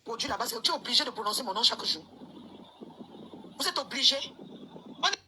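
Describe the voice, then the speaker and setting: Casting: high-voiced woman, scolding rant, traffic noise behind. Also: animated, fast talker, sharp tone. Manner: scolding, insistent, repeats herself. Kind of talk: angry live video rant.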